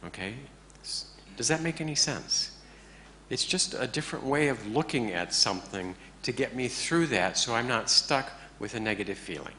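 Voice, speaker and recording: A man teaching a class in a relaxed, joking way, often checking in with his listeners. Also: mid-range voice, normal speed, a little hiss or hum. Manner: joking, conversational, keeps checking in with the audience. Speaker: meditation teacher. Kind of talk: informal talk to a class.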